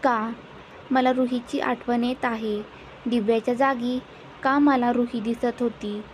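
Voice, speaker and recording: A woman's voice: a little high, fairly even intonation, a little slow, slight background noise, lightly acted, low-quality recording. A woman reading the lines of a troubled young man who speaks curtly. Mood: brooding.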